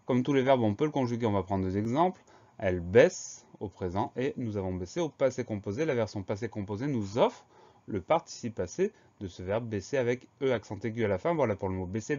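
A man teaching a spelling lesson, spelling words out letter by letter in a slow, careful way. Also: on the low side, mellow, highs cut off.

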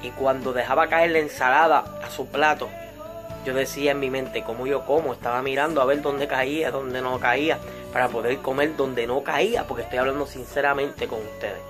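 A man's voice: mid-range voice, steady tone, moderate pace. A man, a pastor telling a testimony in an earnest sermon with quoted dialogue. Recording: music playing behind.

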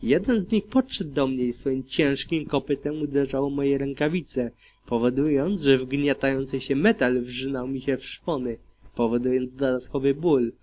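Male narrator, grim audiobook reading, steady delivery, lo-fi sound. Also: mid-range voice, normal speed. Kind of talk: first-person audiobook narration of dark fan fiction. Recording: dull lo-fi recording.

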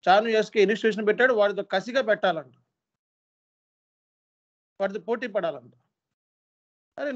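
A man with a high voice lectures his trainees sternly and hammers each point home with repetition. He sounds like an earnest instructor pleading with his students. The recording is dull and lo-fi.

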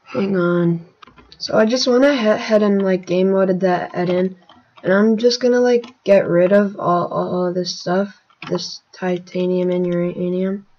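A woman casually narrating her gameplay as a channel host, rambling with many fillers and sudden excited outbursts. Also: fairly low pitch, unhurried, lo-fi sound.

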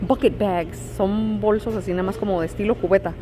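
A woman's voice: mid-range voice, brisk. A middle-aged woman with a Mexican Spanish accent, chatting playfully and teasing as she talks to her viewers. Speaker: vlogger. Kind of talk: casual vlog chat to viewers. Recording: steady background noise.

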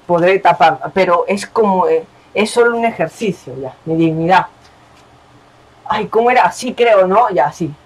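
A young man hosting a gaming channel, talking casually and excitably over his game, swearing and yelling at the screen. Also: high voice, moderate pace.

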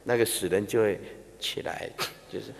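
A man, a Buddhist monk giving a slow, emphatic, demonstrative sermon to a large audience. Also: on the low side, steady tone, vocal fry, a little hiss or hum. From Taiwan. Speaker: Buddhist monk teaching a dharma talk. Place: large exhibition hall before a big audience. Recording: reverberant large hall.

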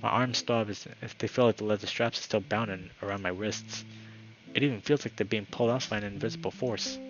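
A man's voice: fairly low pitch, fairly quick, highs cut off, slight background noise. A man reading a visual novel aloud for his channel, narrating dramatically with the odd casual aside. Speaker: gaming YouTuber.

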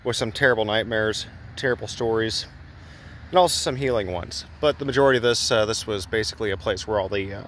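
A channel host rambles through a casual walk-and-talk vlog across abandoned building halls and outdoor grounds, self-deprecating and full of fillers. He speaks in a slightly bright mid-range voice into a handheld camera held close at a low angle.

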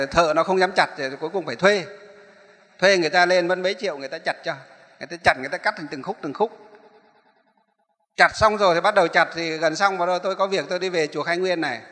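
A man's voice: sits high, pushed and bright. A man, a Buddhist monk, telling a story in a sermon, rambling and often repeating or correcting himself. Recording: echoey hall.

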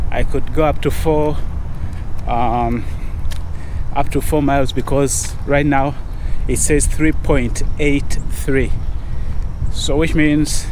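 Man, 40s, easygoing outdoor fitness vlogger; slow delivery, street noise behind. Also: mid-range voice. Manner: unhurried, chatty, with fillers. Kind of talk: casual fitness vlog. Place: outdoors on suburban sidewalks and in a car. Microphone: action camera held close.

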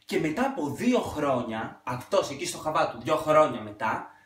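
Animated young man telling a story. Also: fairly high pitch, recorded from a distance, a little hiss or hum. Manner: animated, dramatic retelling with sudden loud outbursts. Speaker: vlogger. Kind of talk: casual storytime monologue. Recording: echoey room, off-mic.

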